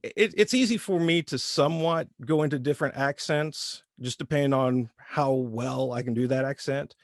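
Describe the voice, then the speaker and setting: A man's voice: mid-range voice, normal speed, no echo, clean studio sound. A man in his thirties from Indiana with a light rural Midwestern twang, chatting easygoing as a voice actor guest. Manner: easygoing, rambling with restarts. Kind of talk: casual interview.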